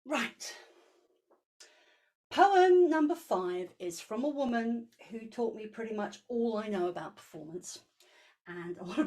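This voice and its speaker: A woman hosting an online book launch over a video call, introducing and reading poems with an expressive delivery. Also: medium pitch.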